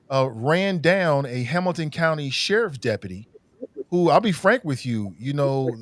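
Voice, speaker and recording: A man's voice: on the high side, dry recording. A man hosting a podcast over livestream headset audio, talking casually while under the weather, rambling and repeating words as he gives frank opinions. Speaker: podcast host.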